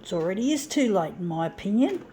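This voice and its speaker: A vlogger in her fifties, speaking fast in a very animated, mellow, medium-pitched voice, rambles through a self-deprecating monologue and grows frustrated, swearing as she goes. She's indoors in a room with a copier, and there's a little hiss or hum.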